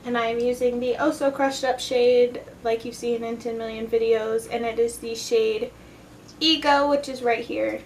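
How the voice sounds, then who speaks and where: A woman's voice: a little high, steady tone, moderate pace. A tipsy, playful woman giving a casual makeup tutorial, chatting loosely as she works. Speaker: makeup video host. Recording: distant, echoey, noisy room.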